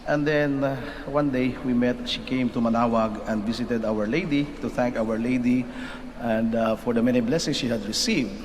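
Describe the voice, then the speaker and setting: A Filipino man leads Mass in a measured, deliberate voice, often tagging his phrases with a questioning "no?". His words ring out with a long cathedral echo in a large church. A faint noise sits beneath the sound. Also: mid-range voice, steady tone. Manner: measured, deliberate delivery with frequent tag "no?". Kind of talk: Mass gospel reading and homily.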